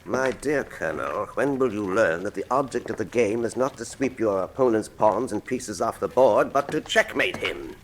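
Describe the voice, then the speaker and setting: An actor playing a suave, pompous criminal professor in a radio drama, speaking in eloquent, deliberate, menacing monologue. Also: male voice, fairly low pitch, lively intonation, a little hiss or hum, close to an everyday voice. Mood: haughty. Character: suave, grandiose male criminal mastermind professor, coolly menacing.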